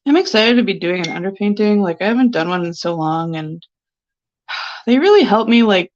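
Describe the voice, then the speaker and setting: A woman's voice: medium pitch, animated, normal speed. A sniffly woman painter chatting casually on a live stream, rambling and giggly with lots of filler words. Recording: dull lo-fi stream audio.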